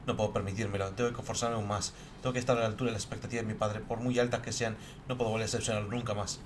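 A man's voice: lowish voice, level tone, very fast, background noise, lightly acted. A man reading out a self-loathing boy's diary from a game in a bitter, self-reproaching tone. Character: self-loathing boy striving for his father. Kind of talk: reading game text aloud.

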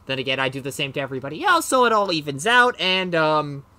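A man's voice: on the high side, very animated, quick pace, pushed and bright. A man casually narrating his moves in a card game match, rambling and self-mocking, often losing his train of thought. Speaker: card game player and commentator.

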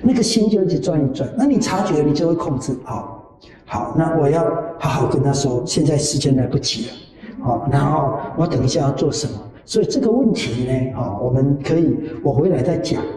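Animated monk teaching in an echoey hall. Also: male voice, fairly high pitch. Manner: animated, repeats phrases, often ends lines with drawn-out particles. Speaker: Buddhist monastic teacher. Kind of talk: conversational dharma talk with personal anecdotes. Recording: echoey hall, voice from far off the mic.

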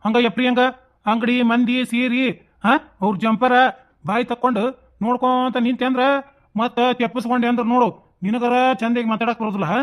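A man's voice: extremely high pitch, little pitch movement. A man voicing a coaxing, talkative village headman in a cartoon, with a North Karnataka Kannada accent. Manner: fast, coaxing, reassuring. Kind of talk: cartoon voice acting.

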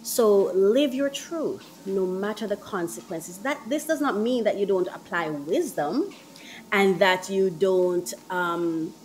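A woman hosts a podcast while walking on an indoor treadmill, casually offering encouraging tips and gently repeating her points. She speaks slowly at a medium pitch, and the audio quality is poor.

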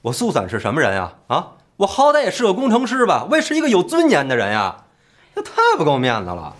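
An actor playing a boastful, flirtatious engineer who pleads and justifies himself in a TV drama. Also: male voice, fairly high pitch, huge pitch swings, quick pace. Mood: indignant. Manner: smooth-talking, pleading, indignant. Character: boastful philandering male engineer, self-justifying. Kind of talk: TV period drama acting.

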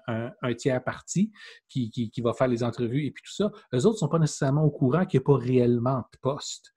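A man's voice: fairly high pitch, breathy edge. A man in his thirties with a Québécois French accent, giving opinionated commentary as a podcast co-host. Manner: animated, opinionated commentary, direct address to listeners. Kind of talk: casual podcast chat. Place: room with brick wall indoors. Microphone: over-ear headphones with webcam, video call.

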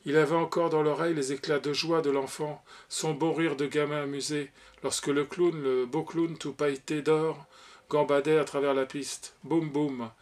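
A man reading a short story aloud as an audiobook, expressive, giving the characters' lines their own voices. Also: a little high, normal speed. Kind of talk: audiobook narration.

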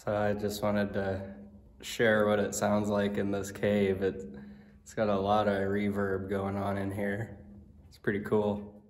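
A man's voice: lowish voice, completely flat delivery, measured pace. A man casually narrating a hiking vlog from inside a cave, his voice carrying heavy cave reverb. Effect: cave echo, heavy reverb.

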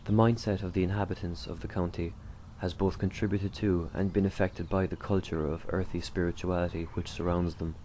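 A man's voice: deep voice, steady tone, fairly quick, hardly any pauses, a little hiss or hum. A man reading scripted documentary narration. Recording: loud music under the voice. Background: plucked guitar music.

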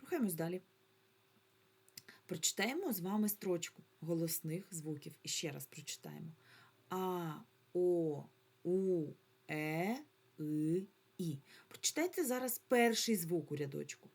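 Speaking in a low-leaning, expressive, slightly mellow voice, a Ukrainian-accented woman gives young children an online lesson. As a primary school teacher, she stretches out each syllable slowly, patiently coaxing them along.

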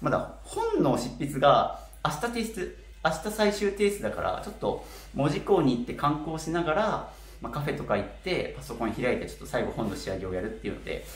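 Casual male vlogger, twenties, animated intonation, slightly slurred from wearing a mouthguard-style aligner, echoey room. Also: fairly high pitch, fairly quick. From Kitakyushu, Japan. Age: 20s. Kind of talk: casual talk to camera. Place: small bare apartment room, indoors. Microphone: camera a short distance away. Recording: roomy echo with faint noise.

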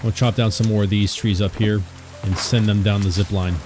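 In a brisk, chatty gameplay commentary, a gaming host talks to himself and his viewers while playing, turning loud and high-pitched whenever he gets excited. Behind his voice are game music and rain.

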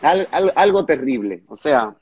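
A pastor telling a testimony in an earnest, conversational way, stumbling over and repeating words at the hardest moments. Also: male voice, a little high, big pitch swings, unhurried, husky, highs cut off. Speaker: pastor and guest recounting a testimony.

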